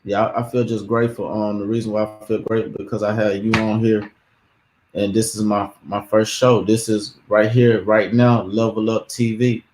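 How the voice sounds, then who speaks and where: A man's voice: on the low side, level tone, normal speed, darkish tone, roomy sound, slight background noise. A man hosting a live-stream interview show, rambling, repeating his words and hyping up his audience.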